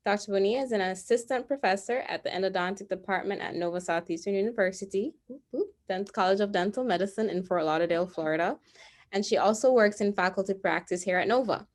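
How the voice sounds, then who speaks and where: A woman's voice: medium pitch, fast talker. A young woman in her twenties who hosts an interview and reads a scripted, enthusiastic introduction. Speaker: interview host. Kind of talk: interview hosting.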